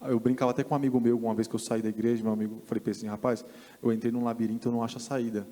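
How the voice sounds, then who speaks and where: Earnest Brazilian man, mellow voice. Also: mid-range voice, flat delivery, big-room sound. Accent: Brazilian Portuguese. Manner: earnest, halting storytelling. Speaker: podcast guest giving testimony. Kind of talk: personal faith testimony. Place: church podcast studio.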